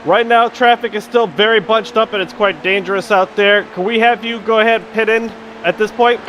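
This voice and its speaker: A man coaching his teammates through a long sim race, calm and methodical like a race engineer. His voice sits a little high. Faint engine noise runs behind him. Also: fairly quick. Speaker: streamer and team manager in a sim race. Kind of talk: casual team chat over voice comms.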